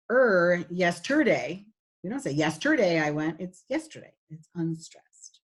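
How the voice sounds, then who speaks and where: A woman giving a recorded phonetics lecture, patiently demonstrating sounds while sharing her screen. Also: fairly low pitch. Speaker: phonetics instructor.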